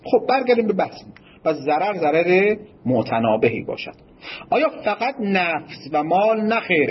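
Give me a husky man giving a seminary lecture. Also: mid-range voice, highs cut off. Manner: discursive, tells stories and laughs, polite formal phrases. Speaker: cleric teaching Islamic jurisprudence.

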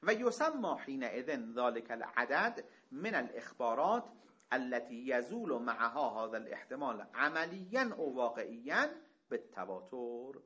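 A male teacher lectures with a bright, forward voice that swings widely in pitch. He reads passages slowly, then explains them in a conversational way and poses rhetorical questions. The recording is somewhat dull and lo-fi. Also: big pitch swings.

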